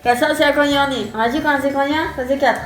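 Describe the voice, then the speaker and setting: High-voiced, animated woman hosting a game. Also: fast. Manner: animated, exclaiming, repeats phrases. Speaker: host and player of a family game challenge. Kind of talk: casual playful game chat. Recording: roomy echo, faint music behind.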